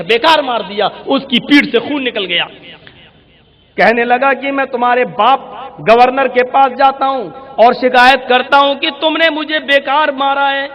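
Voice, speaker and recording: High, bright-voiced man preaching in a hall. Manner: dramatic, acts out quoted voices. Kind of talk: sermon storytelling. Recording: long hall reverb.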